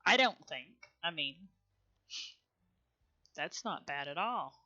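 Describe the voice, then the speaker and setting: Slow-talking Southern woman streamer, bright voice. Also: low-pitched, animated, highs cut off. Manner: chatty, rambling, mutters to herself, laughs often. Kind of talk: casual gameplay commentary.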